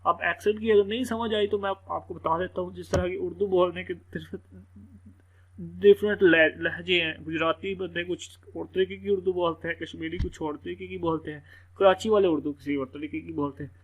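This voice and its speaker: A man's voice: high-pitched, steady tone, a little fast, narrow, tinny audio. A man teaching a language lesson, often checking with "theek hai". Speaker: English teacher. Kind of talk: explaining in a lesson.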